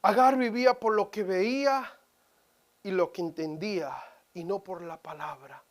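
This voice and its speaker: A woman preaching a sermon in church, dramatic, swinging from loud cries to hushed whispers. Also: medium pitch, measured pace.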